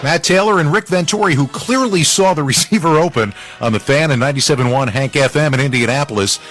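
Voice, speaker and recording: Talking fast in a slightly bright, higher voice, this sports radio highlights host calls out football scores with punch and informality, tossing in chatty asides. There's faint music in the background.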